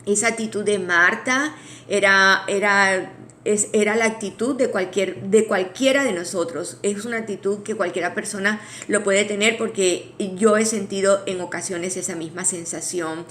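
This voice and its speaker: A woman teaching a Bible study in a conversational way. She restarts phrases, adds asides to her listeners, and slows down to read scripture aloud. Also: medium pitch, a bit bright, a little hiss or hum. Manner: reads scripture aloud slowly.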